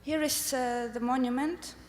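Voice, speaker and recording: A native Estonian-speaking woman from Estonia presents her art research at a summit, her high voice steady in tone. She speaks carefully and haltingly, with many pauses and frequent "uh" fillers, in an echoey hall with a faint hum.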